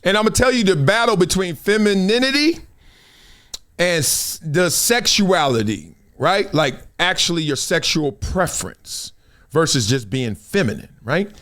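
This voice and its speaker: In a sing-song, high-pitched voice with a fairly bright tone, a middle-aged American host from South Central Los Angeles jokes, tells stories and riffs in casual slang at a moderate pace.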